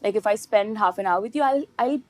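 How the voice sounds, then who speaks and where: A woman's voice: medium pitch, fast, no echo. A woman with an Indian accent chatting casually in a group interview about her work. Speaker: film actor in a group interview.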